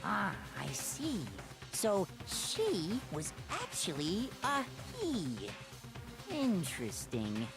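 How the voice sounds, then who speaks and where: A woman's voice: medium pitch, huge pitch swings, drawn-out words, full character voice. A woman voicing a bossy, childish, gleefully sinister mascot creature in an anime game, theatrical and mocking. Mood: smug. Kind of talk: dubbed anime game acting. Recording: music clearly behind the voice.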